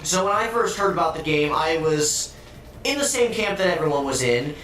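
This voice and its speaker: Guy ranting about a game, voice all doubled up and half robot sounding, kinda high, echoey and far off. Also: moderate pace, slight background noise. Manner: excitable and sarcastic, swears freely. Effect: doubled, phasey robotic-sounding audio from an editing mistake. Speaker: video game vlogger. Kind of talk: casual game review talk. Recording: echoey, distant, doubled audio with faint music.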